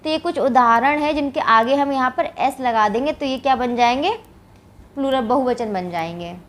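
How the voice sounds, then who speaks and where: A woman's voice: high voice, moderate pace. A woman from India teaching English grammar, explaining step by step and answering her own questions. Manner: says "ठीक है" often as a check-in. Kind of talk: classroom grammar lesson.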